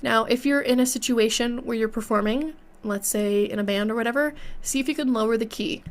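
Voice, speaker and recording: A young voice teacher talks through a singing lesson while congested from a cold. Her voice sits a little high, and she explains things in a clear, instructive, reassuring way.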